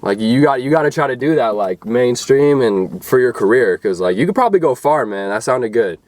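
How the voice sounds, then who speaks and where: A man's voice: mid-range voice, animated, a little fast, darkish tone, no echo. A man hosting his vlog in casual chat, easygoing and full of "like" and "bro", often repeating words. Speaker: vlogger host.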